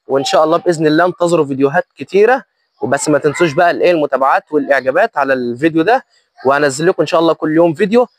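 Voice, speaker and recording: A man with an Egyptian accent talks extremely fast in a casual vlog tutorial. His voice sits a bit high and is recorded dry. He keeps posing questions and answering them himself. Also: no room sound. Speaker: vlogger demonstrating his phone.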